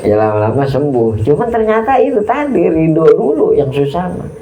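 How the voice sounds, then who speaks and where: Ustad telling stories, voice swings up and down a lot, mellow tone, echoey hall. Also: male voice, a little high, very animated, moderate pace, a little hiss or hum. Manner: folksy storytelling with acted prayers and dialogue. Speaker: religious teacher. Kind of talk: informal Islamic study sermon. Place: mosque study hall. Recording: echoey hall, faint ambience.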